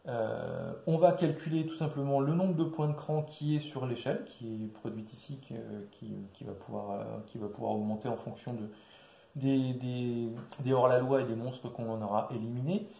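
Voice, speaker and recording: A man casually walking through a board game's rules, with many fillers and restarts, recorded quietly in an echoey room. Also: fairly even intonation, normal speed, gravelly. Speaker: board game presenter. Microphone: quiet distant mic. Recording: echoey room, low level.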